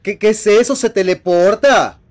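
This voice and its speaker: A man with a Mexican accent giving let's-play commentary, excitable and swearing, yelping when startled. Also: high-pitched, moderate pace. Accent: Mexican Spanish. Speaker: gaming channel host.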